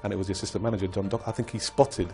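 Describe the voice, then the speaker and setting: An older former footballer speaks in a fairly low voice, calm and reflective as he recounts his playing years. Soft music plays faintly behind him in this documentary interview. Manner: reflective, measured storytelling.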